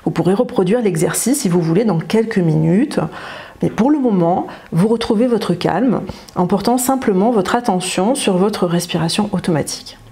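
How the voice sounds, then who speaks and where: Female psychologist, gentle guided-relaxation delivery, mellow and soft, slow soothing repetitions. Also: mid-range voice, lively intonation. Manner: slow soothing repetitions, occasional fillers like "hein" and "euh". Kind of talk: guided breathing and relaxation instruction.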